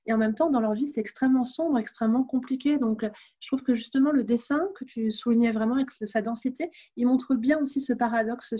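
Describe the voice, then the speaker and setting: A woman's voice: on the high side, dark tone, dull audio. A woman with a French accent hosting a podcast and chatting casually about books. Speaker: podcast host. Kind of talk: casual book discussion.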